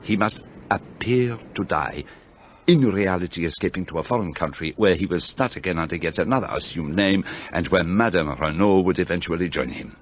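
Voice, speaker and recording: Playing an older, self-assured and fussy Belgian detective for radio drama, a man lays out his deductions in a precise, theatrical style and a French-tinged Belgian accent. His low voice moves fairly quickly and sounds close to everyday speech, on a dull lo-fi recording with faint hiss.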